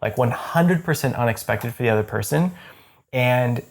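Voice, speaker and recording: Guy in his 30s hosting, super pumped, rambly, lots of like and um, normal pitch. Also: animated, normal speed, gravelly. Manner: enthusiastic, rambling with frequent likes and restarts. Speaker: host. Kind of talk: casual chat to camera.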